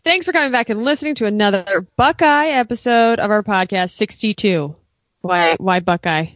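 A woman co-hosting a casual podcast, playful and teasing, quick to laugh. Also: medium pitch, no echo, muffled recording. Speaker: podcast co-host.

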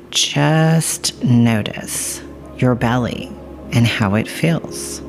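Very slow, creaky-voiced meditation guide. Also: mid-range voice. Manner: soothing, hypnotic, reassuring. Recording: music bed behind the voice. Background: music.

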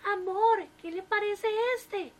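A woman voicing a shrill, excitable older wife in a comic story. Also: slow. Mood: suspicious. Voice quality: high-pitched, shrill.

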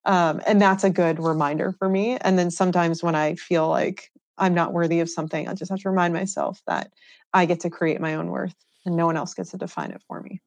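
Earnest woman with a lowish voice. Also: steady tone, a little fast, no echo. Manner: earnest and reflective, laughs easily. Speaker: interview guest. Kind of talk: candid conversational storytelling.

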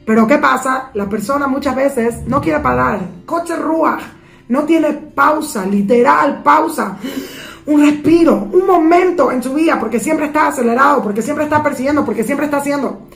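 High-voiced woman teaching in echoey room. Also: brisk, gravelly. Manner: emphatic, rhetorical questions; slips into English phrases. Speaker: Torah teacher. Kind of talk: weekly Torah portion lesson for women.

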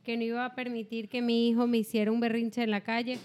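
A woman in her thirties talks with a co-host in a relaxed chat. Her voice sits notably high, and she often drifts off mid-sentence. She agrees quickly and eagerly with her partner. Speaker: podcast co-host. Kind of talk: casual chat.

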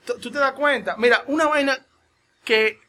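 A man with a Dominican accent, co-hosting a podcast in lively, jokey casual chat. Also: extremely high pitch, a little hiss or hum. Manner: lively, jokey, quick to cut in. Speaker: podcast host.

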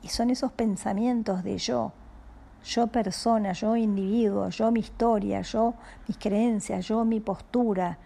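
A woman with a Rioplatense Spanish accent giving a calm, reflective spiritual talk, speaking slowly and often dropping into a soft whisper. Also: medium pitch, creaky. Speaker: spiritual teacher.

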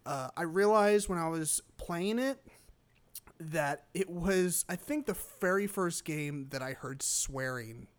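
A man's voice: on the high side, slow, clean tone. A young man co-hosting a podcast in casual chat, rambling and stammering with frequent laughs and casual swearing. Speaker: podcast co-host.

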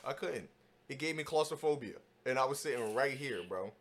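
A man's voice: medium pitch, animated, brisk. A man hosting a casual gaming news chat, talking bluntly in slangy, profane bro speak. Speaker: podcast host.

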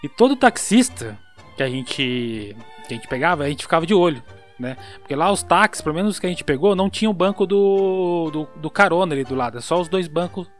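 A young man with a São Paulo accent telling a story in a casual, slangy, animated way. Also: a little high, brisk, soft background music. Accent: São Paulo Portuguese. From São Paulo, Brazil. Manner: animated, slangy storyteller who acts out voices.

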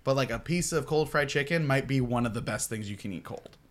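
A man's voice: medium pitch, brisk. Rambling, enthusiastic man from Texas. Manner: enthusiastic, rambling with many fillers. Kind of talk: casual chat.

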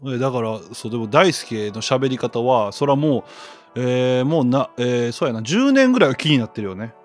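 A man with a Kansai accent, from Shiga, banters bluntly on a casual podcast. He talks fast, his pitch moves in wide swings, and faint music plays underneath. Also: lively intonation. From Shiga, Japan. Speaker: podcast co-host. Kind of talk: casual chat.

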